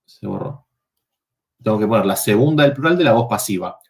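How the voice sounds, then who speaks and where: A man's voice: fairly low pitch, expressive, brisk, creaky, darkish tone. A man teaching a university Latin workshop, explaining verb forms step by step and checking in with the students.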